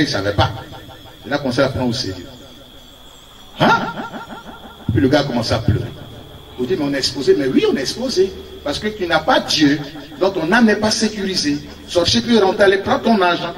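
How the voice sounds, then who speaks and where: A man preaches a sermon in a high, swooping voice, telling animated stories full of laughter and acted-out quotes. He is recorded in an echoey room, standing some distance from the microphone. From Ivory Coast. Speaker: prophet preaching. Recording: echoey room, speaker off-mic.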